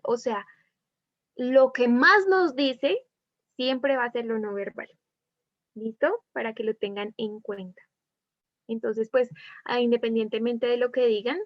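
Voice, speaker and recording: A woman with a Colombian Spanish accent teaches an online class over a video call, firing many questions at her students and acting out different tones of voice. Her voice is a little high, and the dull lo-fi call audio carries no room sound.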